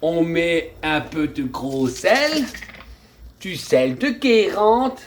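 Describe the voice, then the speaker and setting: A man's voice: a little high, expressive, drawn-out words, a little hiss or hum. A man casually chatting and joking as he cooks, tacking little verbal tags onto his sentences. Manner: chatty, joking, peppers speech with "hein". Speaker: cooking vlogger. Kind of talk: casual cooking chat.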